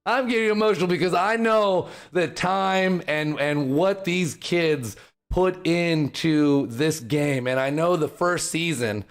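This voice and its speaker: A man with a high voice shouts excited play-by-play over a school esports match. When the action stops, he slows into emotional, rambling talk about his players and takes his time with every phrase. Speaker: esports caster. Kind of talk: live esports commentary. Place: lobby, alone.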